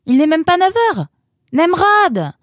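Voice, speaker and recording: A woman voicing a lively, flustered young woman in an audio story, talking in quick exclamations. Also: on the high side, dry recording, clean studio sound. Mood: exasperated. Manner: animated, exclaiming.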